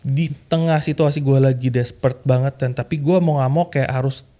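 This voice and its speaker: A man, a podcast guest telling a personal story in casual, slangy chat full of fillers. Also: normal speed. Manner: animated, slangy, full of fillers like "kayak" and "gitu kan"; acts out remembered quotes with lively jumps in pitch. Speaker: podcast guest sharing a testimony.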